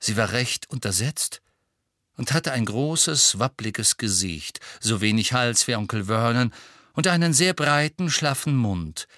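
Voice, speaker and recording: A man narrating an audiobook in an expressive, measured way. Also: medium pitch, no echo, clean studio sound.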